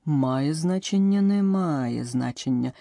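Woman doing a slow pompous old king. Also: fairly low pitch, big pitch swings, warm tone, dry recording, studio quality, full character voice. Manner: slow and ponderous. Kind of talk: audiobook character voice.

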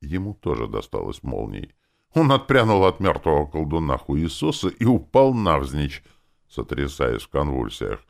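A man narrating a fantasy audiobook in the first person, with an expressive, crude and sardonic delivery. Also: rumbling low, vocal fry.

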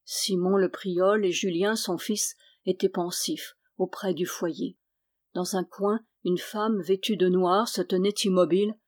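A woman's voice: on the low side, steady tone, unhurried, a little mellow. Woman reading a historical novel aloud. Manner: lifts and raises the voice for quoted characters. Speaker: audiobook reader. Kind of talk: scripted narration of a historical novel.

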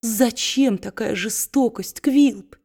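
Brief: timid tearful young wife, high faltering plea, as a woman reader puts her on. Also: unhurried, mellow, natural voice. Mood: pleading.

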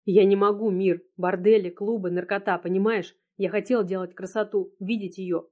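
A woman's voice: medium pitch, fairly even intonation, moderate pace, narrow, tinny audio, natural voice. A woman reading as a broken, pleading young man. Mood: despairing. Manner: pleading, choked with despair. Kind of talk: audiobook reading.

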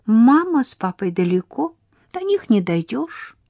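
Woman doing Marfa, a high cheeky little girl. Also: very animated, unhurried, gravelly, dark tone, no echo, studio quality, heavily acted. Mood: lively. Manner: giggly, chattering, mock-serious. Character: odd cheeky little village girl, sly and bossy. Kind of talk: audiobook character voice.

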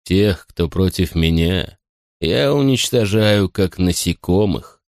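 Sinister drunken butler, slow and hushed, low-pitched menace, voiced by a male reader. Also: animated, dry recording, clean studio sound, heavily acted. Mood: menacing. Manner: very slow, deliberate, quiet and low.

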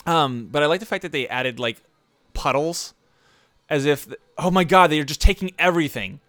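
A man's voice: fairly high pitch, moderate pace, a bit bright, dry recording, studio quality. A young man casually commenting on a racing game, rambling with lots of fillers, swearing and laughing often. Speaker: gameplay commentator. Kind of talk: casual gaming chat.

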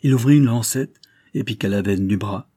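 A man narrating a classic novel as an audiobook in a steady, solemn storytelling manner. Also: on the low side, moderate pace, dry recording, clean studio sound. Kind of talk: scripted literary narration.

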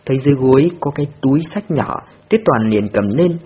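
A man narrating an audiobook with expressive storytelling. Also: mid-range voice, fairly quick, a little hiss or hum. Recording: dull lo-fi recording.

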